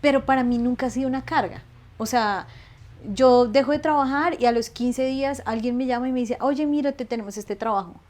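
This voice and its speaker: A woman, chatting as an interview guest in an animated way, laughing often. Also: high voice, fairly quick. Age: 30s. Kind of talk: casual conversational interview.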